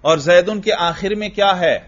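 Man, grammar teacher, slightly high voice, asks and answers his own questions, dull lo-fi recording. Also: fairly bright tone. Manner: drills students with rhetorical questions, then answers himself.

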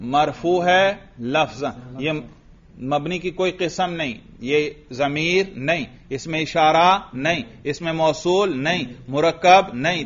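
A man teaching Arabic grammar in a slow, patient way, quizzing students with repeated questions and drills. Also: on the high side, highs cut off. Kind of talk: classroom grammar lesson with drills.

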